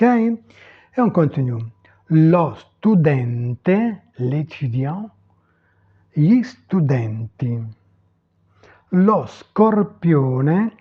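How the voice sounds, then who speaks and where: A man teaching an online language lesson, slow and deliberate, saying each example word carefully and checking in with his listeners. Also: fairly high pitch, breathy edge, muffled recording. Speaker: Italian teacher.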